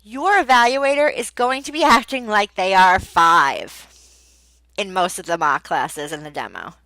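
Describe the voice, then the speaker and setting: A woman's voice: mid-range voice, lively intonation, unhurried, sharp tone, dry recording, rough recording. A woman giving tips on teaching English online, emphatic and repeating key words for effect. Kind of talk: casual advice video.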